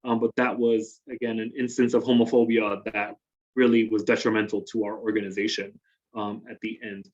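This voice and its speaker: A man's voice: on the low side, little pitch movement, fairly quick. Conversational male workshop presenter, muffled call audio. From Dominican Republic. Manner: conversational, many fillers and tag questions. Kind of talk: presentation with slides.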